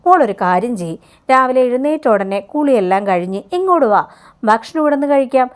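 A woman voicing a scheming, sharp-tongued middle-aged woman who taunts and sneers. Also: on the high side, animated, fairly quick, clean tone, natural voice. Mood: taunting. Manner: taunting, sarcastic.

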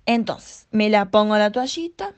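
A young woman with an Argentine accent performing a dramatic monologue in a slow, theatrical storytelling manner. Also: medium pitch, expressive. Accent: Argentine Spanish. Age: young adult. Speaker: acting student.

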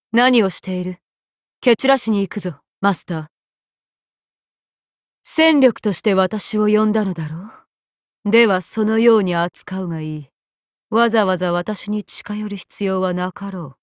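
A woman's voice: medium pitch, darkish tone, dry recording, clean studio sound, lightly acted. An actress playing a vengeful female gorgon monster in an anime game, imperious, cold and contemptuous. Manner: imperious, cold, contemptuous, deliberate archaic phrasing. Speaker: voice actor. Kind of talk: scripted anime game character lines.

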